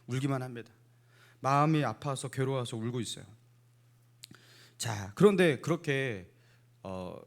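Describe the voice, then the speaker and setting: A middle-aged man preaching a Sunday sermon in a church, asking the congregation playful either-or questions and chuckling between points. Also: medium pitch. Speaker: pastor. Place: church sanctuary.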